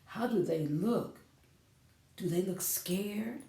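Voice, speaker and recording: At a children's storytime, a librarian reads aloud, leads sing-alongs, and explains things simply with questions for young listeners. Her medium-pitched voice is mellow and expressive, at a slow pace. The space is echoey.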